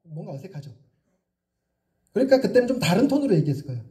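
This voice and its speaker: In a church sanctuary, a middle-aged male pastor gives a lively, playful sermon, teasing his congregation and acting out different voices. His warm, high voice moves fast with big swings in pitch.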